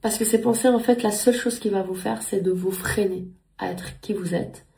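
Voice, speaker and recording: A native Spanish speaker in her thirties vlogs casually from home, addressing the camera at a moderate pace in a medium-pitched, steady, creaky voice with a warm tone. Earnestly, she repeats words as she works out her phrasing.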